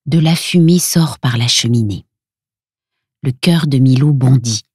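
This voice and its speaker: A woman narrating a children's Christmas story in a gentle, soft storytelling manner, recorded on a close mic. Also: a bass voice, a little slow, slightly rough, no echo.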